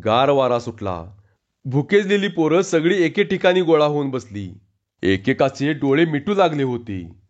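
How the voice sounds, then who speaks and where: Expressive male narrator for a comic village story, lively pitch, lo-fi recording. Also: a little slow. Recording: dull lo-fi recording.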